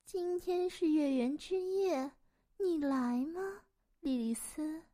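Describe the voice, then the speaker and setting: Woman doing a drawling old cat woman, slow, higher voice, storybook. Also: dark tone. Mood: languid.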